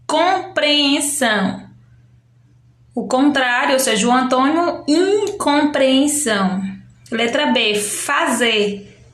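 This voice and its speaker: Brazilian woman teacher, slightly high voice, very slow patient delivery, echoey room. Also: fairly bright tone. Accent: Brazilian Portuguese. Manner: patient, spells out syllables, frequent "né" and "ó". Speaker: primary school teacher. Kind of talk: slow explanatory classroom lesson.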